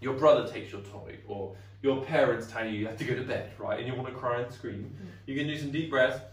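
A man's voice: mid-range voice, fairly bright tone. A man teaching a karate class in a chatty way, often asking "right?" to check the class follows. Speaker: karate instructor. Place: training hall. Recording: echoey room, voice from far off.

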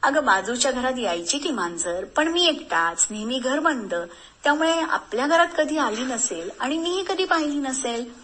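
A woman's voice: sits high, expressive, moderate pace, a bit bright, voice pushed up, rough recording. Woman doing a reassuring young army husband.

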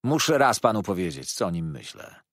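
A proud, contemptuous schoolboy sneers at his teacher, as voiced by a male audiobook reader. The delivery is defiant, with lively swings in pitch. The sound is dry and close. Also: fairly quick, gravelly, dry recording, full character voice. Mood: scornful. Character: arrogant, scornful teenage schoolboy.

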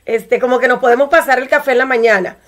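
A woman's voice: high voice, steady tone, quick pace. A middle-aged woman hosting a TV show, chatting with a guest over a video call with fillers like "este". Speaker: TV host.

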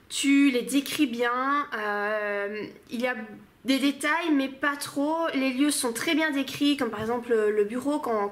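A woman's voice: sits high, fairly bright tone. A woman reviewing stories aloud in a casual, hesitant way, full of fillers. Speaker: book reviewer. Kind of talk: casual spoken critique.

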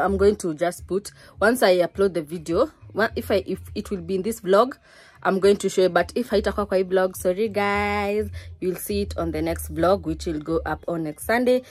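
A woman's voice: medium pitch, no echo. A young Kenyan woman in her twenties, talking casually to her phone camera in a small bedroom and mixing Swahili words into her English. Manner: chatty, mixes in Swahili words. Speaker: vlogger. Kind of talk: casual vlog chat to camera. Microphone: phone camera held close.

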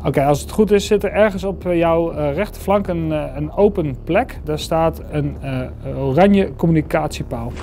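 A man's voice: fairly high pitch, moderate pace, hardly any pauses, background noise. A man acting as a military expert, giving instructions over a walkie-talkie with frequent hesitant fillers and procedural radio phrasing. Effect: heard over a walkie-talkie radio. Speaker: military expert guiding a player. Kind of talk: radio instructions in a reality game.

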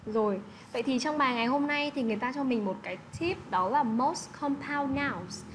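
A woman teacher walks children through an English lesson in a patient, checking manner. Her voice sits slightly high. A steady hiss of noise runs under the recording. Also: a little fast, poor audio. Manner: patient, repeats checks like "được chưa".

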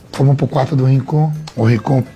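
A man's voice: mid-range voice, moderate pace, soft background music. A man from Bahia, telling stories as a guest in a casual chat and acting out the lines of the people in them. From Bahia, Brazil. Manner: animated, acts out quoted lines. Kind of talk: casual storytelling.

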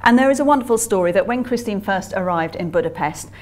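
A woman's voice: mid-range voice, expressive, fast. A woman author giving a public history lecture, telling stories in a chatty way with frequent ums and uhs. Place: museum lecture talk.

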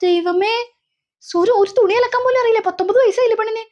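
Woman voicing a scheming middle-aged aunt, grumbling and bossy, very high voice, dull lo-fi sound. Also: fast, a little mellow. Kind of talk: comic family skit.

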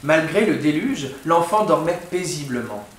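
Expressive man reading a children's story. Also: on the high side, normal speed, a little hiss or hum. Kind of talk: reading a picture book aloud. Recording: roomy echo.

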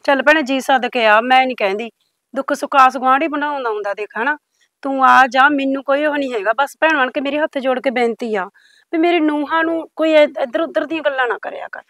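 A woman's voice: high voice, fast talker, fairly bright tone, dry recording, studio quality. A woman with a Punjabi accent playing a stern mother-in-law who scolds a neighbour. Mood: pleading. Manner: scolding, then pleading. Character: stern older mother-in-law guarding her daughters-in-law.

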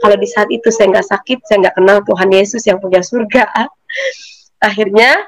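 A woman giving a personal faith testimony, telling her story in an animated way and acting out the voices of people she quotes. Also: medium pitch, normal speed, poor audio. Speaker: testimony giver.

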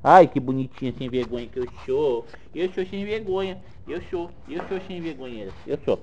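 A man's voice: a little high, animated, normal speed, warm tone, dull audio, slight background noise, natural voice. A man voicing a cheeky little pet dog. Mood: cutesy. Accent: Brazilian Portuguese.

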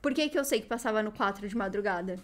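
A woman in her thirties from Brazil, chatting casually as co-host and telling animated stories. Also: medium pitch, a crowd in the background. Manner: animated, quick storyteller. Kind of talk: casual chat.

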